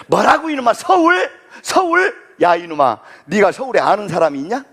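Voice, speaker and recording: A man voicing a stern rural father who gruffly scolds and shouts at his son. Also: high-pitched, big pitch swings, moderate pace, exaggerated voice. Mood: scolding.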